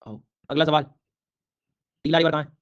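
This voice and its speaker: A man's voice: fairly high pitch, normal speed, lo-fi sound. A man teaching a live online geography class, drilling names over and over and teasing sleepy students. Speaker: online exam-prep teacher.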